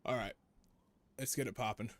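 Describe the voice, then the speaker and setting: A man's voice: mid-range voice, fairly even intonation, normal speed, slight background noise. A man streaming a video game, chatting casually as he plays and often repeating his own phrases. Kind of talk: casual live gameplay commentary.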